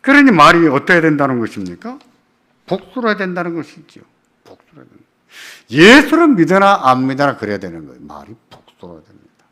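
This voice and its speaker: A man preaching a sermon at a church prayer meeting, putting rhetorical questions to the congregation and repeating key phrases with emphasis, swinging between loud and soft. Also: on the high side, wildly swooping pitch, fairly quick. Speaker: pastor.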